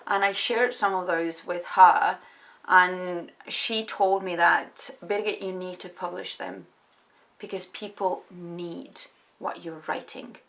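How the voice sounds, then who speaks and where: A woman from Estonia, a writer answering interview questions in a reflective, hesitant way with many pauses and restarts. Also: lowish voice, steady tone, fairly bright tone.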